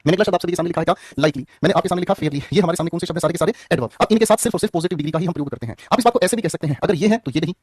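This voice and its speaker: A man's voice: on the high side, very fast, few pauses, darkish tone, slightly rough, no echo, clean studio sound. A man teaching English grammar in an online class, joking and teasing students as he goes.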